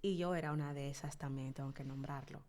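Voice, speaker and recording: A Dominican woman in her thirties, a psychologist guest telling her life story in an interview, expressive and reflective, pausing often as she thinks. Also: low-pitched. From Dominican Republic. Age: 30s. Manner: expressive, reflective, with frequent hesitations.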